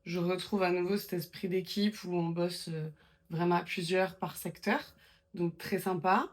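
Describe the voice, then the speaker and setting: Une femme qui raconte son parcours en interview, sur un ton de conversation détendue, avec beaucoup d'hésitations et de reprises. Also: female voice, lowish voice, steady tone, unhurried. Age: 20s. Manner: chatty storytelling, many fillers and restarts. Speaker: guest. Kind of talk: casual interview chat.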